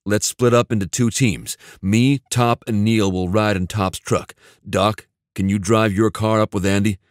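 A male narrator voicing a brisk, commanding male team leader. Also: lowish voice, fairly even intonation, dry recording, clean studio sound, lightly acted.

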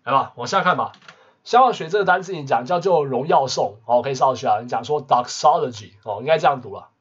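A man teaching English vocabulary in a casual lesson, constantly adding quick tag questions. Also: medium pitch, expressive, fairly bright tone, husky. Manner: peppers talk with tag questions. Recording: muffled lo-fi recording.

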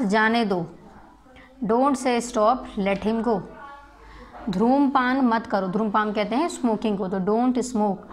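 Woman teacher reading out sentences super slow, keeps saying theek hai. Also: medium pitch. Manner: slow, dictating word by word; mixes Hindi and English, repeats "ठीक है". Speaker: school English teacher. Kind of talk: classroom grammar lesson, translating sentences. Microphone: recorded lesson video.

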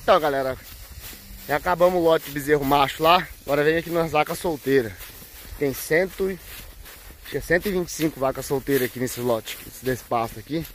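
A man vlogging on a cattle farm, talking casually to viewers and breaking off to yell loud herding calls at the cows. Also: a little high, a little fast, slight background noise. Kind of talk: casual farm vlog narration. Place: outdoors on a cattle farm, by the corrals.

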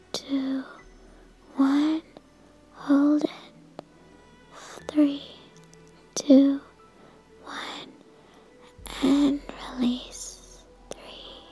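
A woman in a whispered role-play as a spa therapist, soothing and gently guiding the listener in an unhurried way. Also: sits high.

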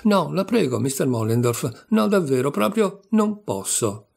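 A man voicing a timid, loyal young waitress who speaks softly and pleadingly in a story reading. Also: mid-range voice, expressive, moderate pace, natural voice.

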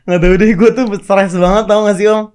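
Man, high voice, podcast guest, jokey and flustered, blunt. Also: fairly even intonation, brisk, darkish tone, clean tone. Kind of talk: casual podcast banter.

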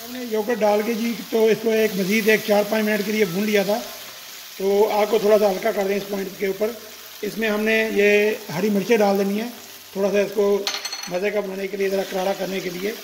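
A man's voice: high-pitched, little pitch movement, brisk, background noise. A man narrating a home cooking tutorial as channel host, explaining each step in a friendly way and using religious greetings.

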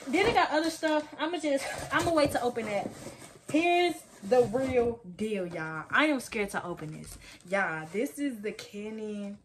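A woman vlogger talking to her viewers in a casual unboxing video, chatty and excitable. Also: a little high, a little slow, noisy background.

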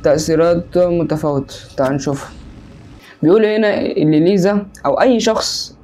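A man's voice: a little high, fairly quick, darkish tone, slight background noise. A man with an Egyptian Arabic accent who hosts a horror game let's play; he talks in a jumpy, panicky way, crying out in repeated bursts, then cracks jokes. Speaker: gaming channel host.

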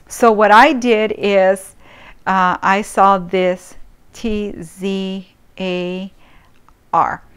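Slow-talking woman novelist, chatty and rambling. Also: mid-range voice, clean tone. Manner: rambling and chatty, with self-corrections. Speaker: romance novelist. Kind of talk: casual vlog chat and reading her own novel.

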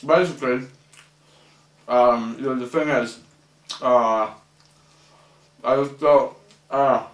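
Young man, mouth full of food, muffled mumbling, very slow and halting, echoey room, distant mic. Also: mid-range voice, fairly even intonation. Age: young adult. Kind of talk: halting, rambling monologue to camera while eating.

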